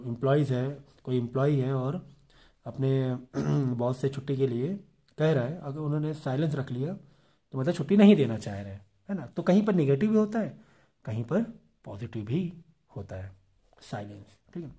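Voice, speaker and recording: A man's voice: medium pitch, expressive, mellow, breathy edge. A man teaching a business communication class, explaining patiently and often checking in with the students. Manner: reads English textbook passages slowly. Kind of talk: classroom lecture.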